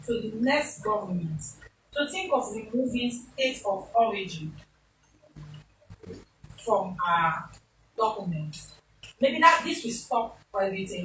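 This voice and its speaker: A woman's voice: a little high, fairly bright tone, echoey room, far from the mic, slight background noise, poor audio. A Nigerian woman hosting a talk show in a casual, opinionated way, slipping into Pidgin turns of phrase. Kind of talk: casual studio interview.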